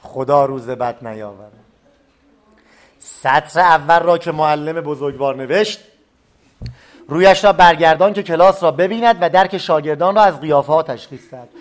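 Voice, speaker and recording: A man reading a memoir story aloud, pausing to explain old words in plain everyday speech. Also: fairly high pitch.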